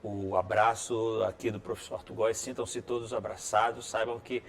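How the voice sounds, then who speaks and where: A man's voice: fairly low pitch, flat delivery, moderate pace. A man with a Brazilian accent teaching a writing lesson on video, friendly and encouraging, who keeps checking in with listeners by asking "right?". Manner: peppers sentences with checking tags like "right?"; friendly, encouraging classroom delivery.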